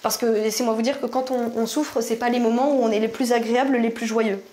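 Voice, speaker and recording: A young woman from France chatting casually to camera in her bathroom at night, slangy and animated with viewers. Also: a little high, a little fast. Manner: chatty, slangy, addresses viewers as "les gars". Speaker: YouTuber.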